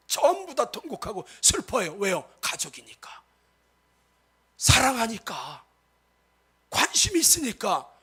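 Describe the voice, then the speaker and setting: Animated high-voiced male pastor preaching. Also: husky. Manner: animated, acts out quoted speech; addresses the congregation often. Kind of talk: sermon.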